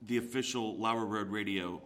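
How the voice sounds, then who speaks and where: A man's voice: fairly low pitch, normal speed, a bit bright. A man co-hosting a sports podcast in casual banter, arguing his points with statistics.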